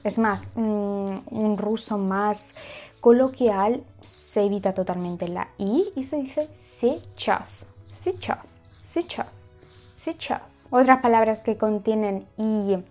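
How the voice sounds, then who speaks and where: Woman language teacher, slow and mellow, patient drills with repeated words. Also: medium pitch, soft background music. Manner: patient, repeats example words many times. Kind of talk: pronunciation lesson.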